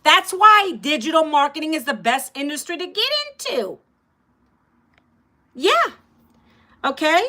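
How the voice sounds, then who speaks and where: A middle-aged woman hosting a casual livestream, talking straight to her viewers with energy and emphasis as she pitches an online course. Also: sing-song, unhurried, long pauses, sharp tone.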